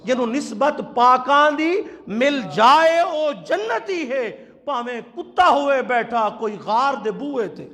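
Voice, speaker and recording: A man preaching a sermon at a religious conference in a mosque, telling stories with passion and chanting quotations slowly. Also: very high-pitched, animated, fairly bright tone. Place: large mosque. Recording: long hall reverb.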